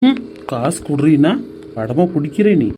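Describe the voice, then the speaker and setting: A woman voicing a drunken, violent husband who bullies his wife for money, in a rough, threatening way. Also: sits low, sing-song, a little slow, slight background noise, pitched below the performer's own voice. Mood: menacing. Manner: rough, bullying shouts.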